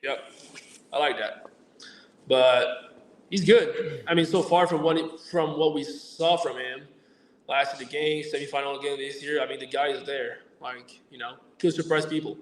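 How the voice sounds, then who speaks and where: A man being interviewed as an athlete guest, talking haltingly with many fillers, restarts and uneven grammar. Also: mid-range voice, fairly even intonation, slight background noise. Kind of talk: remote interview chat. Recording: echoey room, far from mic.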